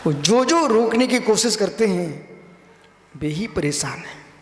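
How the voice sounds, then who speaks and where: A man's voice: sits high, expressive, takes it slowly, a little hiss or hum. A man, a Jain monk, giving a sermon, repeating phrases for emphasis and acting out short dialogues. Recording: roomy hall reverb.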